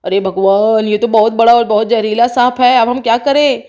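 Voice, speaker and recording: A woman's voice: fairly high pitch, fairly even intonation, moderate pace, a little mellow, pitched below the performer's own voice, natural voice. A woman voicing a frightened father who scares easily, in a doll story. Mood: scared.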